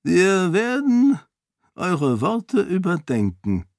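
A man voicing an aged, dignified duke who speaks in a measured, commanding way. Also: high voice, huge pitch swings, vocal fry, darkish tone, dry recording, studio quality, voice pushed up, exaggerated voice. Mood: stern measured.

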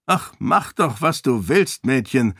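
A blustering, short-tempered king, as a man puts him on. The voice is loud and gruff, pitched a little above the reader's own, and recorded dry and close for a storybook. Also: very animated, slow, no echo, exaggerated voice. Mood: irritable. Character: irritable, blustering middle-aged king.

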